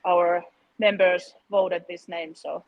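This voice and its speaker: Flat-voiced woman guest. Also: lowish voice, no room sound, dull audio. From Finland. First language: Finnish. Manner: laughs often, halting with fillers. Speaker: competition founder, guest. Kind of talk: casual interview chat.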